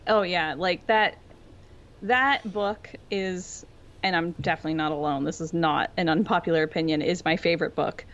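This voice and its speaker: On lo-fi audio, a woman with a fairly low voice talks at a normal speed while co-hosting a casual fan discussion podcast. She rambles and wanders off on tangents, filling her speech with constant "like"s.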